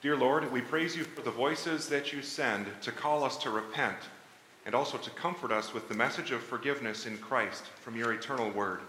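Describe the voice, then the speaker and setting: A man leading liturgical prayer and the communion words in a measured, solemn way, his voice carried by a cathedral-like church echo. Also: medium pitch, sharp tone, slight background noise. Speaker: worship leader. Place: church sanctuary. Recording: long church reverb, faint ambience.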